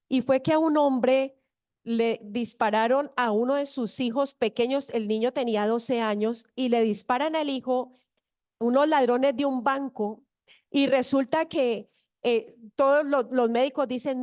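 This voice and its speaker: A high-voiced woman pastor preaches to her church, retelling a story and giving its people their own voices. The sound is close and dry. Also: a little mellow, no echo. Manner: asks the congregation to repeat after her. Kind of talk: sermon.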